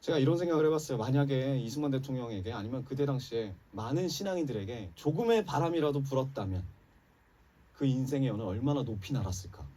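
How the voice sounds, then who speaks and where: A man's voice: mid-range voice, animated, quick pace, dark tone. A man preaching a Sunday sermon as pastor, speaking passionately and addressing the congregation directly. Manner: impassioned preaching, rising and dropping emphatically, addresses congregation. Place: church sanctuary. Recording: church sermon recorded from a distance.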